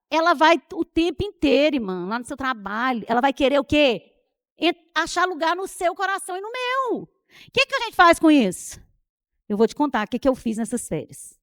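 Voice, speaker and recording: A Brazilian woman preaches with a high, bright voice, moving into lively storytelling and playing out conversations as she goes. The sound is dry and close, with no room echo. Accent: Brazilian Portuguese. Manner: animated storytelling, acting out dialogue. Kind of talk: sermon with personal anecdotes. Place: church retreat.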